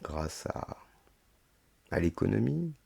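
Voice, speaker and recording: A deep-voiced man delivers a podcast monologue, moving between reading and commentary. His tone is dark and gravelly, with the thickened sound of a sore, swollen throat. He speaks in hesitant stretches broken by rhetorical asides. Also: very animated, slow pace. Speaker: podcast host. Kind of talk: monologue reading a text aloud with running commentary.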